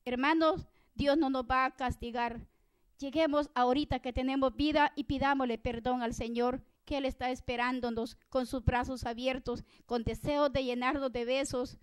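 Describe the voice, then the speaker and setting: A woman's voice: high-pitched, clean tone, dry recording. A woman preaching and then praying aloud on a TV program, fervent, calling "Lord" between every phrase. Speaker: preacher leading prayer on a TV program. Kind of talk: sermon and spoken prayer.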